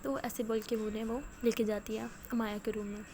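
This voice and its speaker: A woman's voice: a little high, flat delivery, darkish tone. A woman narrating a story in a casual, retelling manner with frequent fillers.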